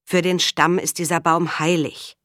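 A woman's voice: fairly low pitch, little pitch movement, a little slow, fairly bright tone, no echo, studio quality. A woman reading the part of a firm, matter-of-fact man settling a land dispute.

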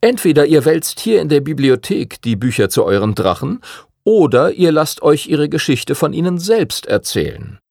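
A man reading the part of a patient older male teacher of dragon riders, speaking in a calm, measured, lecturing way. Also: a little high, vocal fry, no echo, studio quality, pitched above the performer's own voice, full character voice.

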